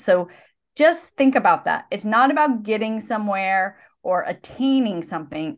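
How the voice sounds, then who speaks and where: A woman hosting a podcast, speaking in an encouraging, coaching tone during a casual chat. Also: mid-range voice. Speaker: podcast host.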